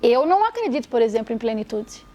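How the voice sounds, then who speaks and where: A high-voiced woman. She is a therapist speaking as a podcast guest, expressive and emphatic, building her points through stories. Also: quick pace. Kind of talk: podcast conversation.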